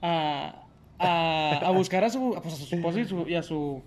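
A young man with a Mexican Spanish accent, telling a story in casual, slangy talk and acting out the shouts and quotes. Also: fairly high pitch, moderate pace.

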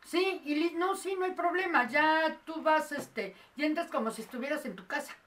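A woman with a bright, ringing voice chats playfully as co-host and leans into earnest pleas to her listeners. She is slightly off the microphone, so her voice sounds a little distant. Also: sits high, moderate pace. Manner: playful, pleading with the audience. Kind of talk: casual chat.

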